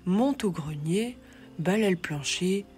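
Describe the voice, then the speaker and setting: A woman voicing a fussy old man in a folk tale who gives loud, bossy orders. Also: lowish voice, animated, slow pace, faint music behind.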